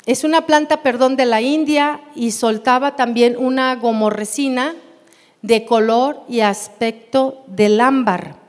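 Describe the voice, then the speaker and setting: A woman with a Mexican Spanish accent leads a Bible class in a church hall, her voice carrying a long reverb. She speaks slowly and stays high in pitch, often pausing to ask her listeners questions. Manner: unhurried, asks the class questions.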